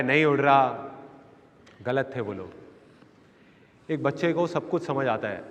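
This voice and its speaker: A man telling a childhood story at a seminar, acting out his family members' voices in a lively way. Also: on the high side. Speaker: motivational speaker. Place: seminar hall with live audience. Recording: long hall reverb.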